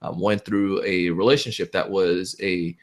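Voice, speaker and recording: Energetic man from Jamaica on a video call. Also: low-pitched, a little slow. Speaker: public speaking champion guest. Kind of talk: webinar interview.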